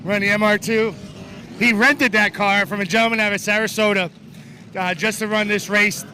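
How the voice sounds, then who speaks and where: A man's voice: high voice, steady tone, normal speed, sharp tone. A man giving a casual, upbeat trackside walkaround at an outdoor drift event, chatting to the viewers. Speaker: event reporter for a wheel brand. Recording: noisy outdoor race track. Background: car engines and track noise.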